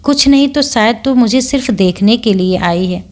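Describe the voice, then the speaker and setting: A woman reading the part of a kind, affectionate middle-aged mother who questions her son warmly and teasingly. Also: medium pitch, a little slow, natural voice. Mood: loving.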